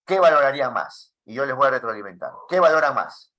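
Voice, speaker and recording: A man teaching a class for teachers, asking many questions in a lively way. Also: mid-range voice, fast. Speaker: teacher trainer.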